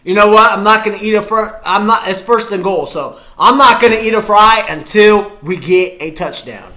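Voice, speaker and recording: Here a man streams a football game and reacts in casual live chat, talking to viewers in a chatty, goofy way. His high-pitched voice is pushed and bright, moving at normal speed.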